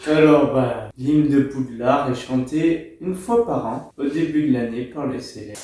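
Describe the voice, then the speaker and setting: A man co-hosts a casual chat, stepping in to finish his partner's sentences. His tone is dark and mellow. He sounds far from the mic in a strongly echoing room. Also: medium pitch, a little slow. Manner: chimes in, finishing her sentences. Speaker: co-host. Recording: echoey room, distant mic.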